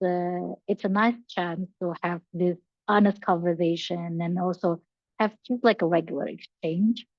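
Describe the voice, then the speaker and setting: A young Indonesian woman in learning and development joins a podcast as a guest over a video call, wearing headphones in a bright room with large windows. Her lowish voice sounds dry, dull and lo-fi, and she answers interview questions casually but thoughtfully, with frequent fillers and restarts.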